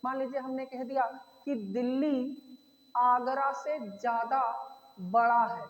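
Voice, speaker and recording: A high-voiced woman teaching English grammar in Hindi. She repeats each point and speaks to her students warmly, calling them "beta". She is recorded in an echoey room with a long reverb. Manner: slows to spell out words.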